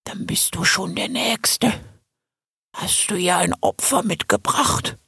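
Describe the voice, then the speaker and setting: A man voicing a timid old male salamander in an audiobook, speaking slowly in a breathy, creaky, halting voice that drops to a whisper. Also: high voice, pushed and bright, dry recording, clean studio sound, pitched above the performer's own voice, full character voice. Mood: nervous. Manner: slow, stammering, partly whispered.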